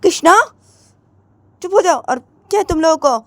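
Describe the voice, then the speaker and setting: A woman voicing an impatient older sister who scolds and shoos children away in a raised, sharp voice. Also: very high voice, normal speed, no echo, pitched above the performer's own voice. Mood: scolding. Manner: scolding, shooing.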